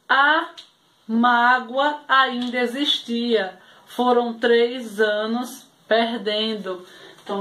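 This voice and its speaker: A woman teacher with a Brazilian Portuguese accent leads a remote class for young children. Her voice sits fairly high, and she moves slowly and patiently, repeating each point and checking in with her pupils again and again. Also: a bit bright. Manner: patient, repetitive, keeps checking in with "né?". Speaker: primary school teacher.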